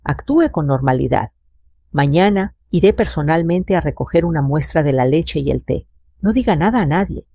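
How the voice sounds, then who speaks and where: An older woman voicing a calm, formal female health investigator who speaks in measured, procedural terms. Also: sits low, gravelly, slightly rough, no room sound, heavily acted.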